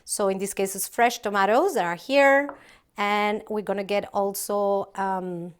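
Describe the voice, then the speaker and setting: A woman's voice: medium pitch, fairly even intonation, measured pace, clear, resonant tone. A middle-aged woman from Colombia, a company founder, casually presenting a cooking recipe in a large open kitchen, chatty with many ums and restarts.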